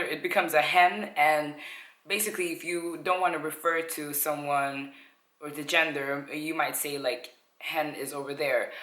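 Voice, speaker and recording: A woman's voice: sits low, bright, forceful tone. A young adult woman from Sweden talking casually to viewers at home, upbeat and often correcting herself mid-sentence. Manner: upbeat, self-correcting, addresses viewers directly. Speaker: vlogger. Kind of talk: casual chatty vlog explainer. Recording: echoey room.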